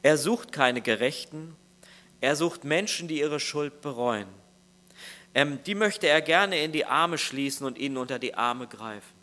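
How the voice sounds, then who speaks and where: A man's voice: fairly high pitch, animated, unhurried, pushed and bright. A man preaching a sermon as pastor, earnest and speaking straight to each listener. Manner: earnest, addresses listeners directly.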